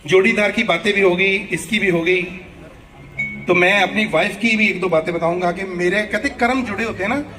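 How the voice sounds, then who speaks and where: A man's voice: sits high, sharp tone. A middle-aged man doing live stand-up comedy. He chats and jokes, and he acts out the people in his stories. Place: event hall before an audience. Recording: live show with crowd noise. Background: audience laughter.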